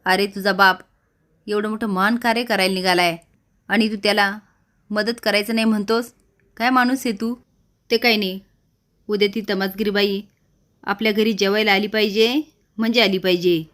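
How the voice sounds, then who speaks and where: A woman's voice: medium pitch, steady tone, moderate pace, pauses often, fairly bright tone, natural voice. Brief: blustering older village patriarch and wrestler, scolding and bossy, read out by a woman narrator.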